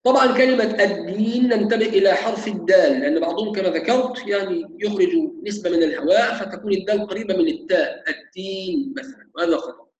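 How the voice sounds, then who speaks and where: High-voiced man teaching recitation. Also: a little mellow, roomy sound, rough recording. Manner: demonstrates sounds slowly and repeats them. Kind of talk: tajweed lesson.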